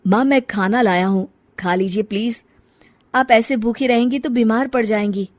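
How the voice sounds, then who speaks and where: A devoted grown stepson voiced by a woman in a family story. He speaks gently but insistently, in a dry, close recording. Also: fairly high pitch, normal speed, no echo, lightly acted. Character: devoted, gentle adult stepson caring for his mother. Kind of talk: acted dialogue in a family audio story.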